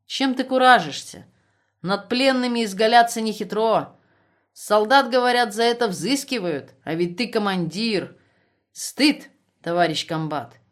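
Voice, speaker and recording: A woman's voice: mid-range voice, unhurried, pitched above the performer's own voice, natural voice. Woman playing an outspoken, scolding village mother.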